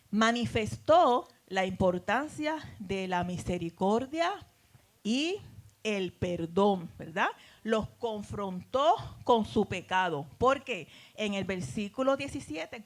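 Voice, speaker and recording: A middle-aged woman teaching a Bible class in a preacherly way, addressing listeners as beloved and asking them rhetorical questions. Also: medium pitch.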